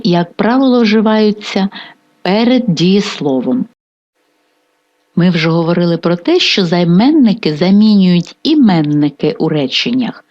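A woman with a Ukrainian accent teaching a grammar lesson, dictating word by word with careful pauses. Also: lowish voice, a little mellow. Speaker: Italian language teacher. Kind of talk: slow, deliberate grammar lesson. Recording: dull lo-fi voice-over.

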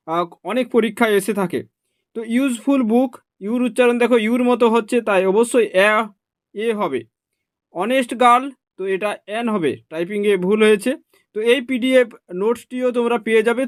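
A man's voice: very high voice, dry recording, studio quality. A man teaching an online exam prep lesson, explaining step by step and checking in with his students often. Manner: explains step by step, keeps asking "ঠিক আছে?".

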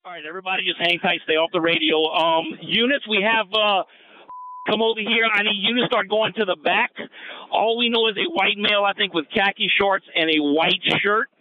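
A man's voice: sits high, a little fast. A male police officer speaking over a radio in an urgent, commanding manner. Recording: muffled lo-fi police radio transmission.

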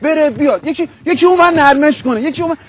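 A man in a comedy sketch, rambling and pushy as he plays a TV show guest. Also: extremely high pitch. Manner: rambling, pushy, rapid-fire.

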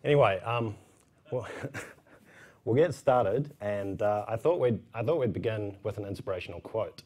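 Low-pitched man, broad Kiwi accent. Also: normal speed, a little mellow. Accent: New Zealand. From New Zealand. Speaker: conference speaker. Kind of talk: informal technical conference talk. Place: indoor conference room, at a podium.

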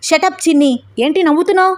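A woman voicing a quick-tempered young man who scolds his fiancée in exasperation. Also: very high-pitched, steady tone, no room sound, pitched above the performer's own voice. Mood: annoyed.

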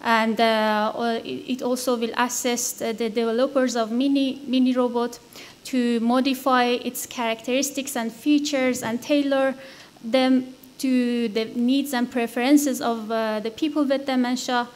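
A young woman presents research findings from a conference podium in a high voice. She is hesitant and fills gaps with ums and uhs. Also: fairly even intonation, a little slow. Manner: hesitant, many fillers.

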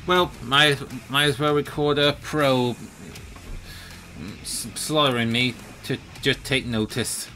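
A man's voice: medium pitch, steady tone, takes it slowly, sharp tone. A man casually commentating on a fighting game he is playing, self-deprecating and exclaiming in surprise at each moment. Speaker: gaming channel host. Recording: game music playing behind.

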